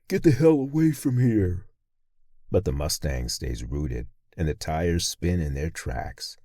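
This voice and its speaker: A man's voice: a bass voice, vocal fry, dark tone, slightly rough, no echo, studio quality. A man narrating a first-person horror story in a brooding, menacing way.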